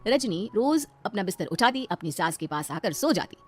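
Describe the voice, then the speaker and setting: A woman narrating a comic family skit in a brisk, storytelling manner. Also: mid-range voice, sing-song, soft background music. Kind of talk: scripted narration.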